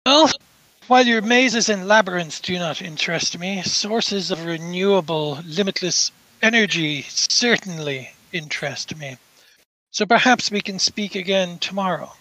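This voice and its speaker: A man voicing a haughty, dismissive rich woman investor in a tabletop game, speaking in a cool, condescending, measured way. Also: high-pitched, sharp tone, dry recording, poor audio.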